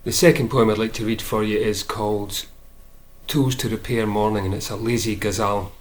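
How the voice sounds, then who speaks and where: A man, a poet, reading his own poems aloud in a measured way, lifting his voice for emphasis. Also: lowish voice, steady tone, a little hiss or hum. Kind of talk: poetry reading.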